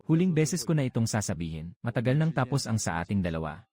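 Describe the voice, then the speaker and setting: A man's voice: medium pitch, big pitch swings, fast talker, a little mellow, lightly acted. A man dubbing drama characters, speaking in a firm, composed manner. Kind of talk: Tagalog drama dub.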